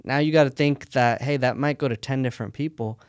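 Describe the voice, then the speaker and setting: A man who runs a sock company, talking through his business in a relaxed, practical way during an interview. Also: medium pitch, fairly quick, clean tone, dry recording, studio quality. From United States. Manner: relaxed, practical, talks in run-on explanations. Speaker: sock company owner, guest. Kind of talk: casual interview conversation.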